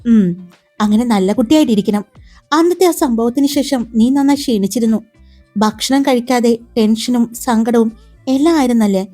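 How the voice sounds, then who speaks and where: A woman's voice: on the high side, normal speed, mellow, faint music behind, close to an everyday voice. A woman reading the part of a teasing, protective young man in a romance story, playful and commanding.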